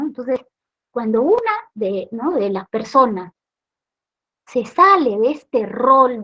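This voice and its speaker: Woman, Peruvian accent, trainer, lecture, higher pitch, lo-fi sound. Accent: Peruvian Spanish. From Peru. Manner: tag questions, explanatory.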